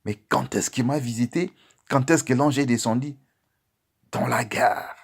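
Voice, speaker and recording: A man preaching as a pastor, telling a testimony to his listeners and calling them beloved, with sudden loud outbursts and quiet asides. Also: medium pitch, unhurried, gravelly, slightly rough. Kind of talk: sermon testimony.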